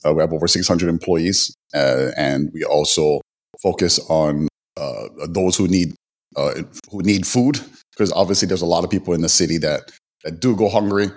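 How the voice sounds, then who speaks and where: A man from Hawaii with a Hawaiian accent, telling his story as a podcast guest, halting with many fillers. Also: low-pitched. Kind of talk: interview storytelling.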